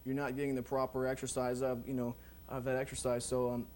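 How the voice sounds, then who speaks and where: A man teaching drum technique in a relaxed, rambling way, full of ums and you knows. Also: mid-range voice, a little fast, slight background noise. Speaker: drum instructor. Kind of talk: casual instructional explanation.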